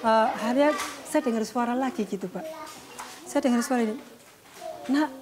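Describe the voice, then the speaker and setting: Brief: woman, earnest missionary, slightly high voice, heartfelt interview testimony with polite asides. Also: fairly quick. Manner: earnest, often adds a polite "sir" to her sentences. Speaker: missionary caring for schoolchildren. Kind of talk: emotional personal testimony in an interview. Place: remote rural area.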